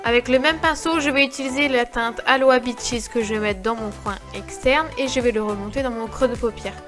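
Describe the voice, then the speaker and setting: A young woman narrating her makeup tutorial step by step, calm and explanatory. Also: on the high side, a little fast, over music. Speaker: beauty vlogger.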